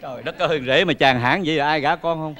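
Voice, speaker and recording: A man's voice: a little high, fast, a bit bright, in a large hall, lightly acted. A man playing a brash, teasing matchmaker. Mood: playful. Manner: brash, teasing, laughs through lines. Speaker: comic matchmaker uncle. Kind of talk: overseas Vietnamese comedy sketch.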